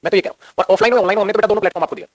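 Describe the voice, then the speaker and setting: A man's voice: sits high, very fast, dry recording, clean studio sound. A middle-aged man teaching English grammar to a live class with a Hindi accent, repeating points and calling the students "beta".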